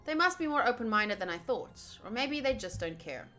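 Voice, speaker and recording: On the high side and sing-song, the streamer's voice is fairly quick, bright and forceful as she reads visual novel text aloud. Faint music plays behind her playful, chatty, self-interrupting asides.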